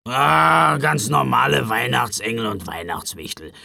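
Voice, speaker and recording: A man voicing Knecht Ruprecht, a gruff, impatient old Christmas helper with a gravelly, curt growl, in a storybook reading. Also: medium pitch, unhurried, pushed and bright, dry recording, clean studio sound, exaggerated voice. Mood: weary explaining. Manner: curt, irritated, snapping.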